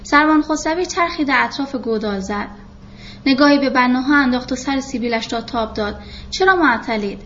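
A woman calmly reading a novel aloud as the narrator of an audiobook. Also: high-pitched, muffled recording, a little hiss or hum.

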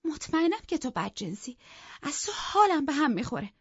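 A woman voicing a tearful, jealous and petulant young woman in an audiobook, her voice high and strained. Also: big pitch swings, no room sound. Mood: outraged. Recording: dull, dry lo-fi recording.

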